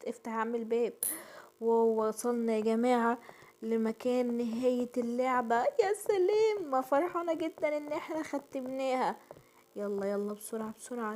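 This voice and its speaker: A woman with an Egyptian accent giving let's-play commentary on a horror game. She shrieks, repeats words in rapid bursts and is out of breath. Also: a little high, mellow, a little hiss or hum. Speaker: gaming channel host.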